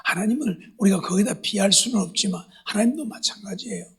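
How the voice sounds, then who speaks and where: A man preaching a sermon at a Friday prayer meeting, acting out the voices he quotes and swinging from hushed asides to loud exhortation. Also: sits high, fairly quick, breathy edge. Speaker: pastor. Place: church sanctuary.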